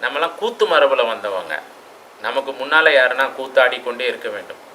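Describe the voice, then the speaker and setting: A man lectures in a reflective way, tossing out rhetorical questions and now and then landing hard on a word. His voice is bright and forward. A faint ambient hum sits behind him. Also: mid-range voice, lively intonation, fairly quick, low-quality recording. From Tamil Nadu. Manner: reflective, with rhetorical questions and sudden loud stresses. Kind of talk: classroom lecture.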